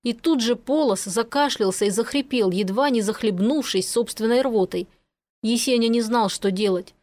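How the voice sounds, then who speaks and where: Woman reading an audiobook, kinda high voice, dry close mic. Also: normal speed, darkish tone, dry recording. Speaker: narrator. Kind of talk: audiobook narration.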